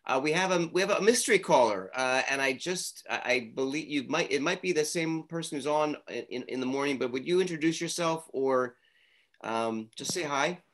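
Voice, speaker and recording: A man's voice: on the high side, moderate pace, a bit bright. Encouraging, jokey man leading online class. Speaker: prayer class leader, cantor. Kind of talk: informal online class facilitation. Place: online video meeting.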